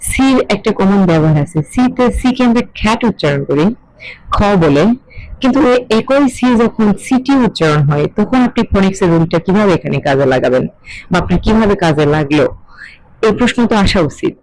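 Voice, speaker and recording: A middle-aged woman, explaining an English lesson in a measured, questioning way. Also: mid-range voice, expressive, darkish tone, no echo, low-quality recording. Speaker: English teacher.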